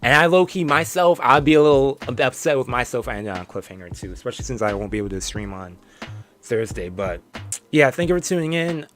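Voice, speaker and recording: Soft music plays behind a young man's fast, expressive, slightly bright mid-range voice. He's tired and losing his voice, rambling and chuckling through a casual stream sign-off in his bedroom.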